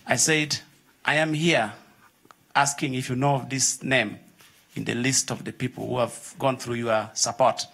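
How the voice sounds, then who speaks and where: A man's voice: medium pitch, little pitch movement, unhurried, creaky, sharp tone. Earnest young man telling a story. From Uganda. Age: young adult. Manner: earnest, acts out dialogue in his story. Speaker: audience member telling his story. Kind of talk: personal storytelling at a panel. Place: conference hall audience.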